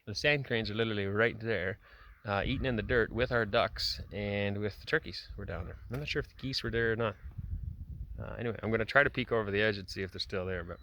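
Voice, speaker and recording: A man talks casually into a handheld camera as he walks around his farm and later works indoors. His voice sits a bit low but comes across bright and forceful. He rambles, with frequent "uh" fillers, over a faint hiss. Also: quick pace. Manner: chatty, rambling with many "uh" fillers. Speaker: homesteader vlogger. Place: outdoors on a farm, then indoors in a house.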